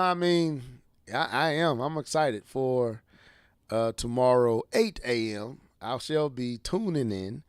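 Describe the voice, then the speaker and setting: Give me a high-pitched, energetic man hosting a gaming stream, bantering with his co-hosts. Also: clean tone, no echo. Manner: hyped and playful, often loud. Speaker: podcast host. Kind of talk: casual chat with co-hosts.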